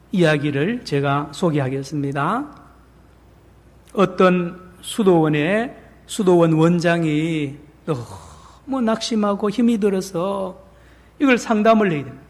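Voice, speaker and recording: A male pastor preaching a sermon in a church, animated, acting out quotes and asking the congregation questions. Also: very high-pitched. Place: large church sanctuary. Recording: long church reverb.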